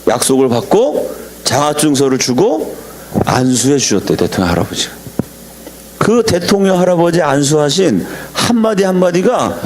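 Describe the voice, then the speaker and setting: A middle-aged man, a pastor, preaching a lecture-style sermon, telling stories animatedly and acting out quotes in sudden high shouts. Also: sing-song, normal speed, background noise.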